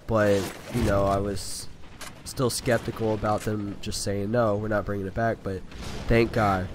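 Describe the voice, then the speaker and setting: A gaming video creator, stuffy and nasal from being sick, rambles through talkative commentary over his gameplay, full of fillers. His lowish voice barely moves in pitch and keeps a measured pace. Loud gunfire and sound effects from the game play under his voice.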